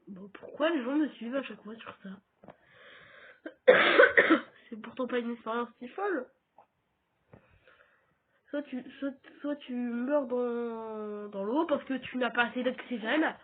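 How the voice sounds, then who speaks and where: A man's voice: very high voice, breathy edge. A man with a French accent giving casual let's-play commentary, chatting straight to his viewers as he plays. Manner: chatty, talks straight to viewers while playing. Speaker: gaming YouTuber. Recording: tinny phone-like audio.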